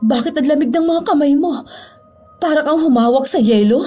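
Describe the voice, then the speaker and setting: A worried middle-aged mother, played by a woman with a mellow, slightly raised voice. She speaks softly and protectively to her daughters. A horror story telling. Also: high-pitched, moderate pace, soft background music, pitched above the performer's own voice, natural voice. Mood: concerned. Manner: soft, concerned and motherly.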